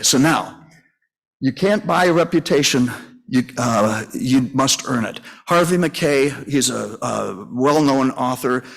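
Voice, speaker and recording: A man's voice: medium pitch, vocal fry. A man in his sixties giving a folksy, rambling conference talk, full of fillers and restarts as he tells stories. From Minnesota, US. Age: 60s. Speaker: funeral home owner and conference speaker. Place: conference session room.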